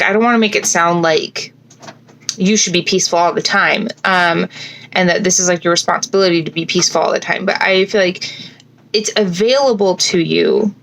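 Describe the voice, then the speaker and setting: A woman's voice: medium pitch, a bit bright, a little hiss or hum. A woman, around her thirties, reflecting casually on scripture as a host, thinking aloud and correcting herself, her speech slightly thick from a swollen lip. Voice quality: slightly slurred, fat-lipped speech from a swollen mouth. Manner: informal, thinking aloud with frequent self-corrections. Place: bedroom at home.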